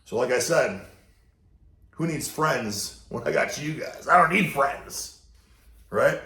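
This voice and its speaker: A hoarse man rambles bluntly to camera, swearing here and there. His voice is gravelly and his pitch is average for a man. The room around him gives a roomy echo. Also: expressive, takes it slowly, pushed and bright. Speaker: fitness YouTuber reacting to a video. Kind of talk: casual rambling chat to camera. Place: indoor room at home with a TV behind him.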